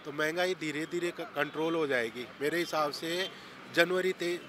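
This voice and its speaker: A man's voice: on the high side, moderate pace. A man in a street interview, confidently stating his opinions. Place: busy city street outdoors. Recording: clear traffic noise behind.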